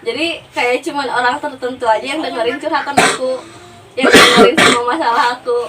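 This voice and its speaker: Young Sundanese-accented woman, high voice, chatty guest who keeps checking in, distant mic with faint hiss. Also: fairly quick, bright, forceful tone. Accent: Sundanese-influenced Indonesian. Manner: chatty, keeps asking "ngerti gak?". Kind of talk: casual chat.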